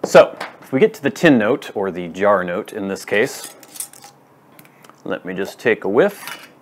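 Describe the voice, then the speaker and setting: A man in his thirties giving a casual, deliberate review to camera, laying out his points in short phrases. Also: fairly low pitch, big pitch swings, slight background noise. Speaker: pipe tobacco reviewer. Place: wood-floored room at home, indoors.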